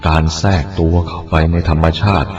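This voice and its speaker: A male Buddhist monk reading a written teaching aloud in a measured, deliberate way. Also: a bass voice, steady tone, a little mellow. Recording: dull lo-fi recording with faint music.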